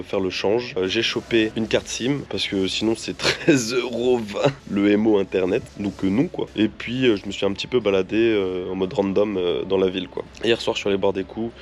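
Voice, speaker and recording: Suffering from tonsillitis, a French man vlogs about travel in a relaxed chat to camera, his lowish voice congested by a swollen throat. There's slight background noise behind him.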